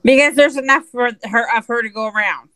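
A woman's voice: fairly high pitch, fairly quick, sharp tone, dry recording. A woman co-hosting a casual movie podcast, blunt and swearing freely. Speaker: podcast co-host. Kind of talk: casual chat.

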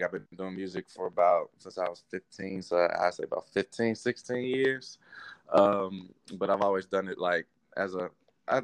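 Guesting on a podcast, this D.C. rapper in his thirties has a deep voice captured in a dry recording. The interview talk is loose and easygoing, wandering along with plenty of filler words.

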